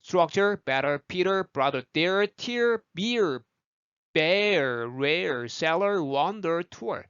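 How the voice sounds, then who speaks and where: A man's voice: a little high, animated, drawn-out words, a bit bright, smooth, highs cut off. Dry-sounding man drilling English words. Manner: repeats word lists aloud, coaching learners to echo him. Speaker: English pronunciation teacher. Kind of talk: pronunciation drill lesson.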